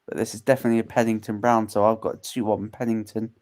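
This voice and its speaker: A man's voice: lowish voice, little pitch movement, fast talker, a little mellow. A young man co-hosting a live fight watchalong, chatting casually, laughing often and recapping the action for viewers who have just tuned in.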